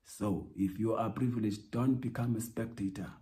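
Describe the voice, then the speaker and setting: Measured man, mellow voice. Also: on the low side, steady tone. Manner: measured, emphatic, repetitive rhetorical lines. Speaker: podcast host. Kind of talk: reflective spoken essay.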